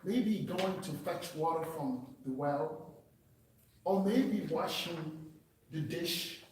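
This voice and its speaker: A man from Cameroon delivers an earnest, emphatic personal testimony as a public speaker at a meeting. His voice is fairly high and slow, with slight background noise. It was captured on a distant mic in an echoey hall-like meeting room.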